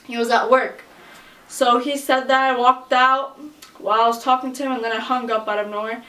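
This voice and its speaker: A woman's voice: fairly high pitch, flat delivery, brisk, bright, forceful tone. A woman vlogger telling a personal story in a chatty, casual way, full of fillers, now and then shrieking out quoted voices. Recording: echoey room, voice from a distance.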